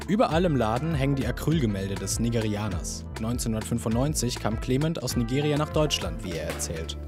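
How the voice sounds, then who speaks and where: A man reading a scripted news report as a voice-over in an even, measured way. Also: medium pitch. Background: music.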